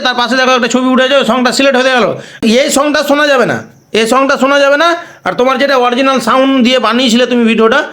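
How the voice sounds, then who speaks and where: A man's voice: very high-pitched, fairly bright tone. A man walking viewers through a phone app tutorial step by step, repeating each instruction and checking in with tag questions. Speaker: tutorial host. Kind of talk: screen-recording tutorial.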